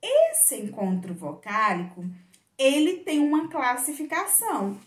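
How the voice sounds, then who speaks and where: A woman teacher with a Brazilian Portuguese accent gives a video lesson to children, stretching her words in a slow, sing-song way. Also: sits high, very animated. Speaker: primary school teacher. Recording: echoey room.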